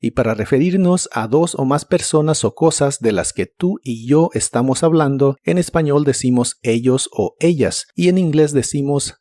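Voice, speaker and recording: Male teacher, scripted lesson voice-over; warm, mellow tone, dry close sound. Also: mid-range voice, dry recording. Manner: slow, careful spoken examples. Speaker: English teacher.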